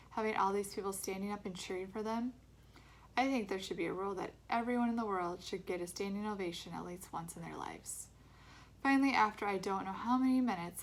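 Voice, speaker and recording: A woman teacher reads a chapter book aloud to her young students. Her storytelling is expressive and clear. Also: mid-range voice, slight background noise. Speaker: elementary school teacher. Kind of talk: reading a children's novel aloud.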